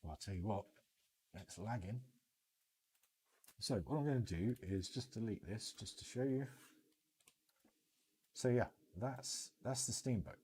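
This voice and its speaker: With long pauses and no hurry, a British livestream host muses aloud over his game in a lowish, dark voice with a breathy edge. The commentary is casual and meandering.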